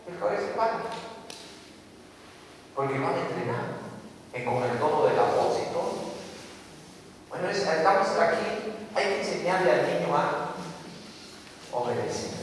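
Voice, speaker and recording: Lively male preacher in an echoey hall. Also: a little high, a little hiss or hum. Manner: lively storytelling, asks the congregation questions. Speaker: pastor. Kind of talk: sermon. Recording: echoey hall recorded from far off.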